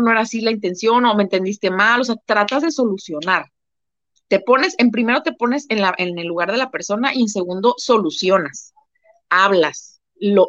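A woman's voice: medium pitch, no room sound. A woman with a Mexican Spanish accent talks casually as a live-stream co-host, stressing her points by repeating them. The sound is dull and dry, with no room around her voice. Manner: emphatic, repeats phrases for effect.

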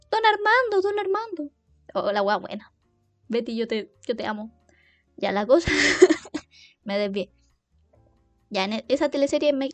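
A young Chilean woman hosting a podcast tells funny stories about herself in a slightly high voice, chatty and self-mocking, loaded with slang and quick bursts of laughter. The sound is clean, with no echo.

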